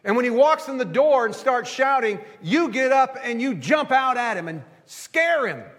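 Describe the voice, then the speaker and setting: An earnest small-church pastor laying out a sly plan in a coaxing, conspiratorial tone, as a preacher puts him on. The voice sits high, and a long hall reverb rings after it. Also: male voice, lively intonation, moderate pace, fairly bright tone.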